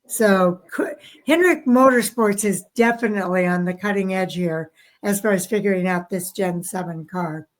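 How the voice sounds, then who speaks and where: A woman with a Southern American accent co-hosts a racing podcast, reading race statistics in casual chat while sounding tired and yawning. Her voice is mid-range and her pace moderate.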